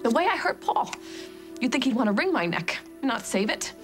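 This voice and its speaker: A woman's voice: fairly high pitch, big pitch swings, normal speed, over music. A woman playing an earnest, shaken young survivor, confiding in a soap opera style. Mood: shaken wonder.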